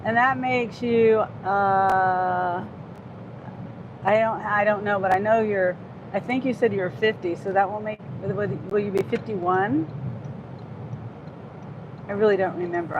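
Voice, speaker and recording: A chatty woman in her fifties talks at a medium pitch with fairly even intonation, unhurried and pausing often, over dull audio in a noisy car. She's a gig delivery driver livestreaming, reading viewer comments in casual, rambling chat with frequent restarts.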